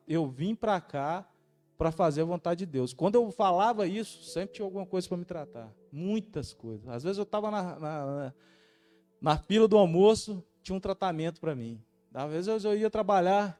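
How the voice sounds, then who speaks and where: Man, Brazilian Portuguese accent, testimony sermon, conversational, restarts a lot, high pitch. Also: a little mellow. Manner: conversational, halting, many fillers and restarts. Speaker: missionary student preacher.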